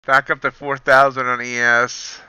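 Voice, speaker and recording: A man narrates his trading session live, thinking aloud and poking fun at his own mistakes. His voice is very bright and smooth, captured dry and close on a slightly dull mic. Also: medium pitch, flat delivery, moderate pace, no room sound. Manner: wry, self-deprecating, reads out numbers. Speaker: livestream futures trader.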